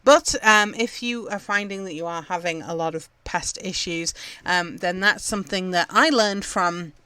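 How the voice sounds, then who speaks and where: A woman's voice: on the low side, normal speed, bright, forceful tone, clear, resonant tone, no echo. A woman from England hosting a gardening podcast, chatting casually with lots of fillers as she gives upbeat tips. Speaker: podcast host.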